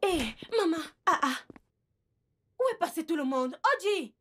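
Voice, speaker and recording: High, bubbly grown daughter. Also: female voice, lively intonation, a little slow, a bit bright. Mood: cheerful. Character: lively grown daughter, cheerful and bossy. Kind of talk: dubbed film drama.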